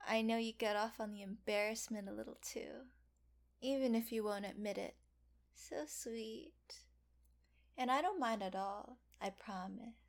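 A young woman in an intimate audio roleplay, murmuring in a hushed, teasing whisper. Her voice sits a little high with a gravelly, fry-touched texture. She speaks unhurriedly, drawing out her soft, coaxing phrases. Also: measured pace.

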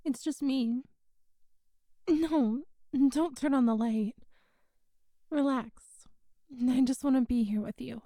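A woman speaking softly and intimately in an audio roleplay, hushed and coaxing, sometimes dropping to a whisper, close to the mic. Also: high-pitched, takes it slowly, long pauses, dry recording.

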